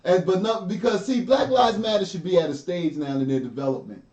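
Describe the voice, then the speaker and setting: A man co-hosting a political commentary show, talking bluntly and forcefully in a casual, colloquial way. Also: high voice, brisk, distant mic. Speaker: co-host. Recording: echoey room, off the mic.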